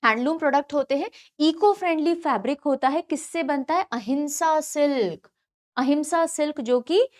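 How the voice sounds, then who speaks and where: A woman teaching an online exam-prep lecture, talking in an animated way, repeating key names and mixing English terms into her Hindi. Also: sits high, normal speed. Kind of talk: online lecture for competitive exams.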